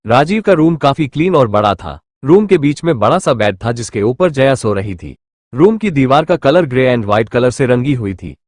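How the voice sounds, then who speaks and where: Male narrator for an audio drama, lively melodic read, dry close sound. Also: medium pitch, moderate pace, no echo.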